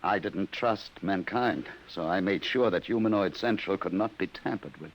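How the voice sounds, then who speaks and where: Guilt-ridden inventor, very deep and gravelly, old radio hiss. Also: male voice, moderate pace, low-quality recording. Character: remorseful male inventor, grave and weary. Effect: old radio recording. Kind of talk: 1950s radio drama acting. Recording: hissy old radio broadcast.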